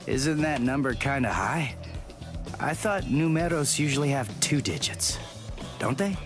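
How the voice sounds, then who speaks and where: A man's voice: medium pitch, expressive, measured pace, over music, close to an everyday voice. An actor playing a determined teenage swordsman hero in an anime game dub, blunt and impatient. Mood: dry puzzlement.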